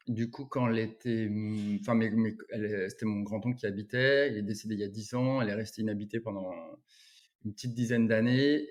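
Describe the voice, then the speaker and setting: A man's voice: on the low side, a little mellow. A man from Brittany, a photographer, talking as an interview guest in a rambling way with many restarts. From Brittany, France. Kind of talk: casual interview chat.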